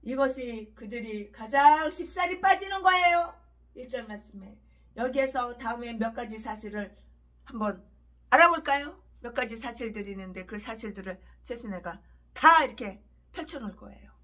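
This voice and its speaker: High, piercing woman preaching fiercely. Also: expressive, moderate pace, fairly bright tone. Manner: harsh, abusive ranting with repeated emphasis. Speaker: pastor. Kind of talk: fiery sermon.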